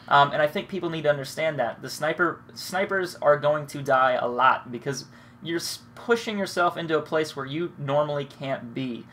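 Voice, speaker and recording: Commenting on his own gameplay, a young man with a cold and congested nose rambles in a laid-back way and swears freely. His voice is on the high side and a bit bright, over a faint hiss or hum.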